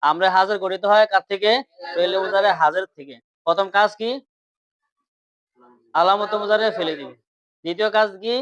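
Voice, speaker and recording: A man's voice: high voice, moderate pace, pauses often, fairly bright tone, clear, resonant tone, no room sound, muffled recording. A man teaching grammar in class, repeating points and quizzing his students questions.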